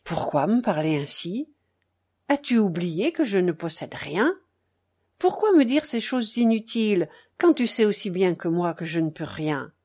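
A woman reading the part of a hurt, anxious young wife in an audiobook, hushed and pained. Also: a little high, a little slow, close to an everyday voice.

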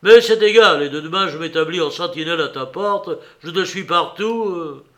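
A man voicing a mocking, relentless blackmailer who jeers and presses his demands loudly. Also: on the high side, normal speed, close to an everyday voice. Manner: raised, jeering, emphatic.

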